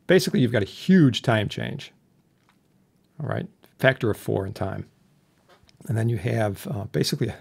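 This is indoor voice-over for a screen recording, where a man with a husky, gravelly, lowish and slightly mellow voice demonstrates audio software. His casual tutorial narration is informal and leans on homely analogies to explain things.

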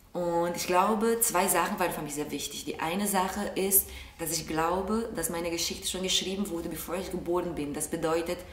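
A woman's voice: lowish voice, slight background noise. Young Brazilian woman, roomy distant sound. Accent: Brazilian Portuguese. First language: Portuguese. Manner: thoughtful, gestures a lot with her hands. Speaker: vlog host answering viewer questions. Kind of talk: casual chat to camera. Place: living room, seated on a sofa. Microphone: camera a short way off.

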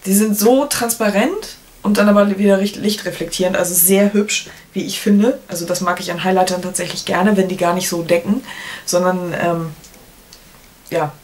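A woman in her thirties chatting casually to camera in a product review, with playful colloquial asides. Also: medium pitch. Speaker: beauty vlogger. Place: small room at home, indoors. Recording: clear background noise, clicks.

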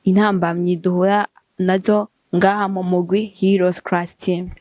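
A young woman from Burundi hosting a casual music interview, playful and quick to laugh. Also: lowish voice, dry recording. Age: young adult. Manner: lively, laughs often, playful asides. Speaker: interviewer, show host.

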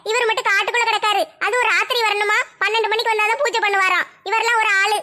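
A woman's voice: very high-pitched, fairly even intonation, fast talker, pushed and bright. A woman playing a fearful, chatty village wife and mother who rambles and complains. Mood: frightened.

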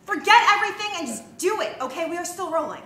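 A woman's voice: very high-pitched, animated, fast, very noisy. A woman in a live comedy sketch playing a bossy, exasperated recording director. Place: theater stage. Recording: echoey stage with laughing crowd.

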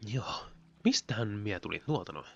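A man's voice: fairly low pitch, very animated, gravelly, a bit bright, muffled recording. A man giving rambling, giggly commentary on his own gameplay as a Let's Play host. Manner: chatty, rambling, giggly, talks to himself while playing.

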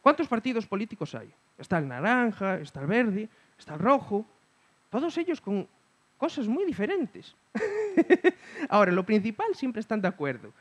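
Man, conference speaker, high voice, very animated, keeps tossing "mm?" at the room. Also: normal speed, slightly rough. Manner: keeps checking in with listeners with a questioning hum. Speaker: speaker at a talk. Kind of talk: reflective conference talk.

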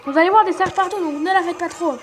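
A young woman who hosts a gaming channel talks fast in a very high voice, making chatty remarks about a rhythm game and laughing at her own expense. Faint game music runs in the background of this poor-quality recording.

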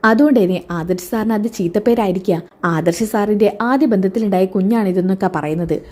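A woman's voice: medium pitch, fast talker, a little mellow, natural voice. A woman voicing a man who earnestly explains what he knows.

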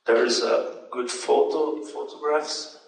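A man's voice: medium pitch, steady tone, vocal fry, a little hiss or hum. A young man from Brazil with a Brazilian Portuguese accent, giving an academic conference talk in English with hesitant fillers and self-corrections. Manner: halting non-native English with frequent fillers and self-corrections. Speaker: conference presenter. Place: large dim lecture hall with a projection screen. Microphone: handheld microphone, heard through room speakers from a distant camera. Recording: echoey hall recorded from far off.

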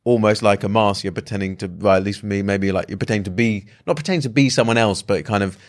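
A man with a fairly low voice hosting a podcast. He talks in a relaxed, agreeable way, with lots of fillers as he thinks aloud. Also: fast talker. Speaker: podcast host. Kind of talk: casual conversational interview.

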